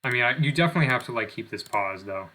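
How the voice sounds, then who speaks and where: The speaker is a young man running a gaming channel, delivering very fast, animated commentary in a medium-pitched, pushed, bright voice with slight background noise. He rambles casually, uses many fillers, curses frequently, and makes fun of himself.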